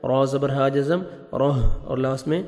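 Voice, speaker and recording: A man with a Pakistani Urdu accent teaching Quran recitation, who explains each rule slowly and patiently and slips English words into his explanation. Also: medium pitch, steady tone, darkish tone, big-room sound. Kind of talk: tajweed lesson, explaining rules between recited verses.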